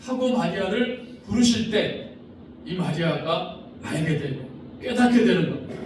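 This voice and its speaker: A man's voice: high-pitched, background noise. A male pastor preaching a sermon, acting out the people in the story with dramatic voices. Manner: acts out the figures' lines in dramatic voice. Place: church sanctuary. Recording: distant mic in an echoey church hall.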